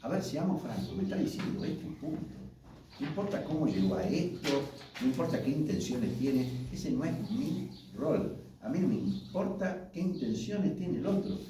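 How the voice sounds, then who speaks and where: A man in his sixties with an Argentine accent, preaching warmly and conversationally to married couples at a workshop, asking his audience questions as he goes. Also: on the high side, very animated, moderate pace. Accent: Argentine Spanish. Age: 60s. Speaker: pastor leading a marriage workshop. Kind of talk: colloquial sermon to married couples. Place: church hall with an audience. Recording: very echoey hall, voice from far off, faint noise.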